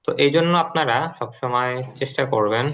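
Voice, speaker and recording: A man's voice: medium pitch, a little fast, fairly bright tone, poor audio. A man teaching an online English class, explaining patiently and repeating drills for students.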